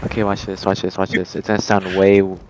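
A man's voice: low-pitched, completely flat delivery, quick pace, a little hiss or hum. A young man chatting casually with friends over a voice call while gaming, rambling and hesitant. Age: young adult. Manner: rambling, hesitant, lots of restarts. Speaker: gamer in voice chat. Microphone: headset or desk mic on a call.

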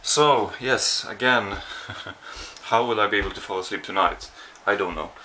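An unhurried young man with a Swedish accent rambles through a self-deprecating vlog in his small apartment, camera held at arm's length. His voice is on the low side with a sharp tone, and a little hiss or hum can be heard.

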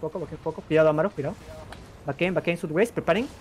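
A man barks quick, repeated battle orders at his group over voice chat. His delivery is fast and clipped. There is faint noise behind him. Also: on the high side. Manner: rapid repetitive commands. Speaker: raid caller.

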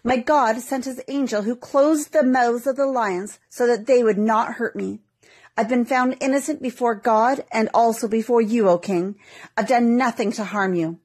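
A woman voicing a calm, faithful male servant in a read-aloud story, in a slightly husky voice. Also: on the high side, moderate pace. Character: calm faithful young man, loyal servant.

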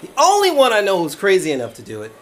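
A man's voice: sits high, huge pitch swings, fast. A man streaming a pinball game live, joking around, laughing a lot and calling out to his viewers, a little tipsy from cider. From Brooklyn, New York. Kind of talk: casual live-stream commentary. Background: faint game music.

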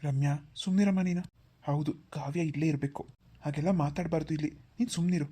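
A generous middle-aged father in a cartoon, reassuring everyone in a low, gentle voice as a woman acts him. He sounds calm and kindly. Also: fast, breathy edge. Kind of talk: cartoon voice acting.

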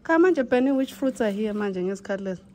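A young woman with a Zimbabwean accent vlogging outdoors in a home yard, mixing English with Ndebele and gently coaxing a small child. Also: on the high side, animated, fast. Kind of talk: casual vlog chat.

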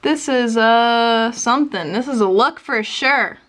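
Giggly young woman vlogging, higher voice. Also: unhurried, a bit bright. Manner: giggly, self-mocking, sarcastic. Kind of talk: casual vlog commentary.

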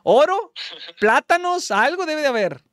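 A Mexican man hosts a stream, phoning followers and calling the shots with excitable, teasing play-by-play. His voice sits high and swings widely in pitch. The sound is close and dry. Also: measured pace, no room sound. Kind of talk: lively live-stream phone game commentary.

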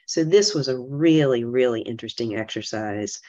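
A woman's voice: rumbling low, moderate pace, mellow, lo-fi sound. A woman executive giving a conference presentation remotely, speaking conversationally and often adding "right?" to her points. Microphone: remote video call audio.

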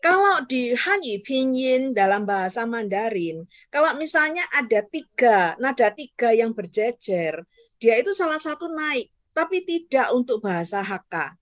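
A woman's voice: fairly high pitch, very animated, moderate pace, dry recording. A woman teaching Hakka in an online class, patiently modeling tone syllables for learners to repeat and checking in with them often. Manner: keeps checking understanding with "ya".

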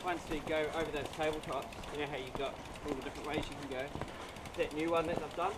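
Guy chatting to his riding mate, bit high, far off from the mic, windy noisy audio. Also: steady tone, fast. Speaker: riding companion. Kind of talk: casual chat. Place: outdoors on a forest bike trail. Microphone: picked up at a distance by another rider's action camera. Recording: faint distant voice under wind noise.

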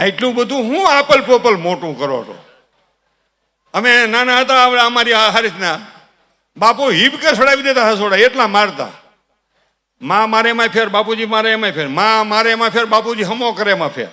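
A man performing a live comedy monologue on stage, preaching and telling stories in an animated way. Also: sits high, normal speed. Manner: preachy, animated storytelling with exhortations. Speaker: folk comedian and dayro performer. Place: live stage before an audience. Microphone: stage PA microphone. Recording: reverberant live stage hall.

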